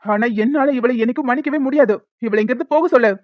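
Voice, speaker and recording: A woman voicing a hot-tempered young man in a cartoon, scolding and quick. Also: high voice, dry recording, natural voice. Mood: angry. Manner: scolding, fast. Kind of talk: cartoon dialogue. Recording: dull lo-fi dry sound.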